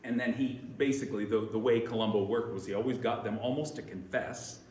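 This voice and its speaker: A man teaching a church class, talking in an energetic, chatty way and often restarting his phrases. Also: fairly low pitch, fairly quick, reverberant, slight background noise.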